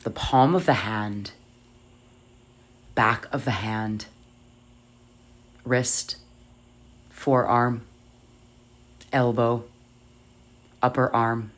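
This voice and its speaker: In a guided yoga nidra meditation, the guide's mid-pitched voice stays steady, very slow, and soft. The delivery is soothing and measured, with long pauses between short phrases.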